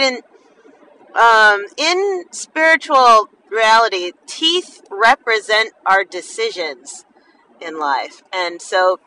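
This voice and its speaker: A woman with a medium-pitched voice hosts a podcast from inside a car while driving, delivering a casual, expressive monologue. Half her mouth is numb after dental work, giving her a slight lisp and slurred enunciation. The mic is distant, with faint car driving noise.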